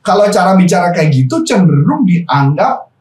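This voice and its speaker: A man coaching on business calls in a relaxed, explanatory way, slipping in casual slang and English phrases. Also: high-pitched, normal speed. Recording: echoey room from far off.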